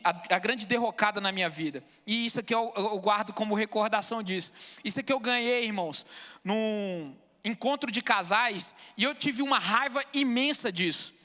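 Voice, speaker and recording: A man's voice: high-pitched, sharp tone, big-room sound. A man in his thirties from Brazil giving an emotional, fervent testimony in church, often calling out to the brothers. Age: 30s.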